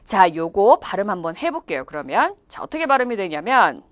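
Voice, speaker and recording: A woman teaching an English test class, animated and playful as she demonstrates pronunciation. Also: medium pitch, brisk, no echo, studio quality. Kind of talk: lively classroom lecture.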